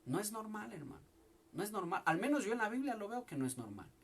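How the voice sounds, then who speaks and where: Spanish-speaking pastor preaching at home. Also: male voice, sits high, very animated, fast talker, creaky, slightly rough. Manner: preaching, repeats "hermano" often, rising and falling loudness. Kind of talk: sermon.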